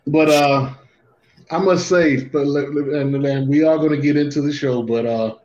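Higher-voiced man in an echoey room. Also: fairly even intonation, moderate pace, darkish tone. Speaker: podcast co-host. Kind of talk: casual chat. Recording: echoey room, dull muffled audio.

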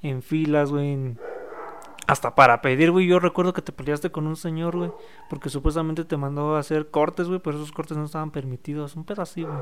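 A man's voice: fairly high pitch, steady tone, fast, a bit bright, slight background noise. Swearing young Mexican man telling stories. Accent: Mexican Spanish. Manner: profane, storytelling, acts out quoted arguments. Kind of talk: casual chat.

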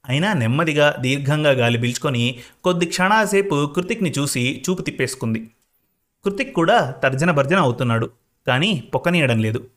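A man's voice: on the high side, fairly bright tone. Man narrating a story.

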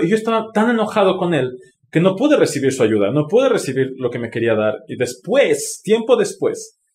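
A man's voice: a little high, darkish tone. A man with a Mexican Spanish accent telling a personal story candidly, with swearing and lots of expression. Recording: roomy echo.

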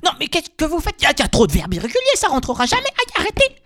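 A man's voice: very high voice, wildly swooping pitch, very fast, bright, forceful tone, slight background noise, voice pushed up, heavily acted. A man voicing a whiny schoolboy who yelps and pleads in pain in a comedy sketch. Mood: pained, pleading. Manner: yelping, pleading, squealing in pain. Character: whiny schoolboy being beaten with a workbook.

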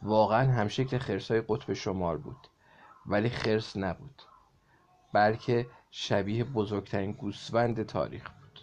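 A man reading a children's story aloud to a child in a lively way, stopping to explain words. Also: fairly low pitch, slight background noise.

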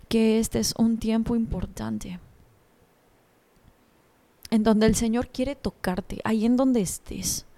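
A woman's voice: mid-range voice, dark tone. Earnest young woman giving a devotional talk. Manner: earnest, personal and confiding.

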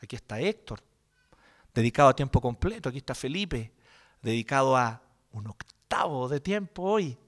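A man with a Chilean accent, a pastor preaching a sermon in an animated, joking, colloquial way. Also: medium pitch, moderate pace.

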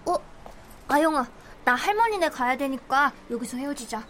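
Woman as a wistful young boy, radio drama, slightly high voice. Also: animated, normal speed, a bit bright, slight background noise. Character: sad young boy missing his father.

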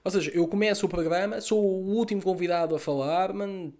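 A young man with a European Portuguese accent talks quickly, in a voice set a little high. He tells a casual vlog story in an animated, profane way, acting out what people said. He is speaking outdoors near the beach. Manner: fast, animated, profane storytelling with acted-out dialogue. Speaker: content creator.

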